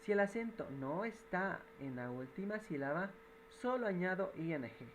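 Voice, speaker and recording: A man's voice: high voice, expressive, normal speed, a little hiss or hum, poor audio. Patient man teaching grammar rules. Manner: patient, repeats and translates each example. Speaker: English teacher.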